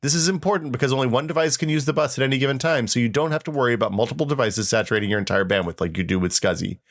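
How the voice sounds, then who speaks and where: Here a podcast host rattles along rapid-fire in a mid-range voice. The talk is casual, mixing reminiscences and reading aloud with informal, wryly exaggerated storytelling.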